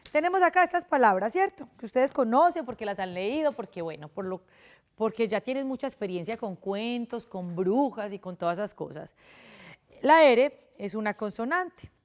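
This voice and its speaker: A Colombian woman in young adulthood leads a televised spelling lesson for children. Her voice sits fairly high, and she explains each step patiently and keeps asking the children questions. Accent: Colombian Spanish. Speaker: primary school teacher.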